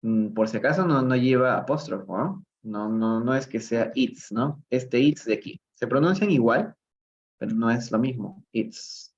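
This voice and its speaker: Slow-talking Peruvian English teacher. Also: male voice, medium pitch. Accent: Peruvian Spanish. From Peru. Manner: explains step by step, questions the chat. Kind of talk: live online English reading lesson. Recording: slightly dull, lo-fi livestream audio.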